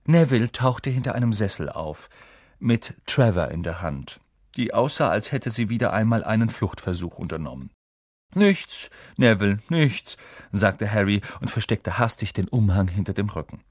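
A man narrating a storybook audiobook in an expressive way. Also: lowish voice, moderate pace, no room sound, clean studio sound.

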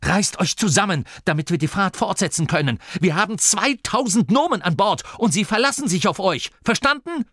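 A man's voice: high voice, expressive, normal speed, hardly any pauses, a bit bright, dry recording, clean studio sound, voice pushed up. A man voicing Masklin, a small male nome leader who scolds his group in a raised voice. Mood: furious.

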